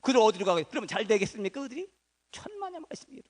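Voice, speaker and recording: A man's voice: sits high, big pitch swings, racing. A man preaching a Sunday sermon as pastor, emphatic and repetitive, acting out the speech of biblical figures. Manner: emphatic preaching, acts out the prophets' words in dialogue. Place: church service.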